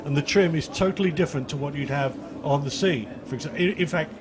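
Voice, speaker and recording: A man's voice: on the high side, quick pace, a crowd in the background. A man doing live race commentary in a chatty, jokey way, describing boats he watches out the window.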